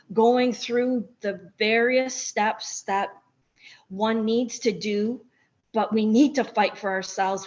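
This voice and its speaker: Slow, earnest woman doctor, dull sound. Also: mid-range voice. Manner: earnest, grateful, inspirational. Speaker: guest, doctor. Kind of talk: conversational interview.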